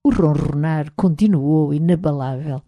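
Woman, European Portuguese accent, audiobook narration, low pitch, dry close sound. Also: measured pace, dark tone, no echo. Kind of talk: scripted first-person narration.

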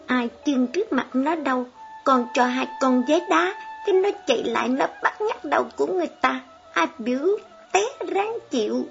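A woman's voice: high-pitched, animated, moderate pace, vocal fry, muffled recording, soft background music, voice pushed up. A woman doing a muttering, sulky young boy. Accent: Southern Vietnamese. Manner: muttering, grumbling.

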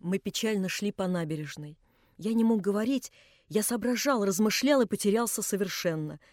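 A woman reading a literary novel aloud as an audiobook narrator, in a measured, expressive way. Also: mid-range voice, no room sound, clean studio sound.

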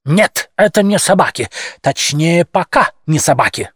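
A fiery male cat demagogue, put on by a male audiobook reader, barking short, sharp accusations in a raised, strident voice. His pitch leaps and swoops with agitation, and the recording is close and dry. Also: animated, unhurried, breathy edge, dry recording, heavily acted. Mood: accusing. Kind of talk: audiobook character voice.

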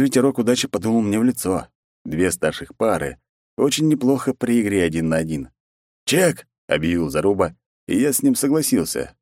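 A man's voice: darkish tone, dry recording, studio quality. A man narrating a first-person story as an audiobook, voicing the characters in between. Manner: reads first-person story, raises pitch for characters' lines. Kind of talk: scripted narration with voiced dialogue.

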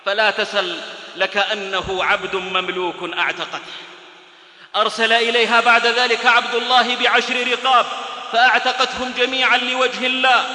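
A man's voice: very high voice, flat delivery, moderate pace, sharp tone. A man preaching a sermon, telling a story and reciting verse in rhythmic lines. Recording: echoey hall recording.

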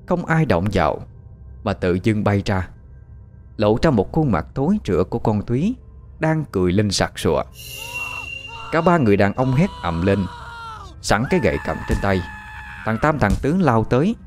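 Man narrating a horror story, deep-voiced. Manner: dramatic, animated delivery. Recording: faint background music.

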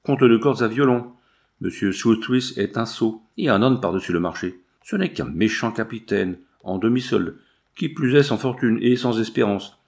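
A man's voice: mid-range voice, normal speed, a little mellow, close to an everyday voice. A man reading the lines of a haughty, contemptuous aristocratic mother in an audiobook. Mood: scornful.

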